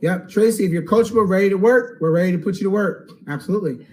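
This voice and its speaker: A man hosting a live webinar Q&A, upbeat and salesy, checking in with "okay?" and going hoarse. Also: high-pitched, quick pace, a little mellow, slight background noise, low-quality recording. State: losing his voice. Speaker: online course host.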